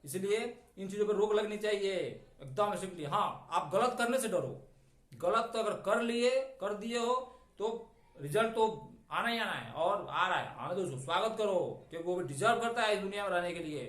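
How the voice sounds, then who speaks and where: A middle-aged man teaching an English vocabulary lesson in a chatty, digressive way, stretching out key words slowly. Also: high voice, lively intonation, fairly bright tone. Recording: echoey room.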